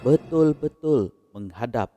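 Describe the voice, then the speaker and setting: Slow-talking Malaysian man telling a horror story. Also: mid-range voice, animated, dark tone, big-room sound, faint music behind. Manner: unhurried storyteller who chuckles between beats. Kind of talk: casual storytelling narration.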